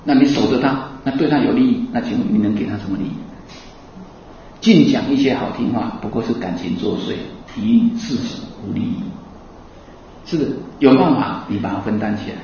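A man giving a Buddhist dharma talk to an audience, asking them lively rhetorical questions and laughing in between. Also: mid-range voice, fairly quick, a little hiss or hum. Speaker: Buddhist teacher. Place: hall with an audience. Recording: echoey hall, distant mic, dull sound.

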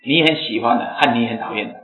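A slightly hoarse man giving a Buddhist dharma talk to a seated audience, explaining and chanting examples aloud. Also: mid-range voice, quick pace. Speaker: Buddhist teacher. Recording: echoey phone-like lecture recording, faint music.

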